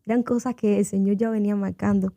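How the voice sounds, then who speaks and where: A woman's voice: medium pitch, steady tone, fast talker, warm tone, no echo. A woman giving her personal faith testimony as a guest on a radio interview, telling her story earnestly, acting out the voices she quotes and dropping in English fillers. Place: radio studio.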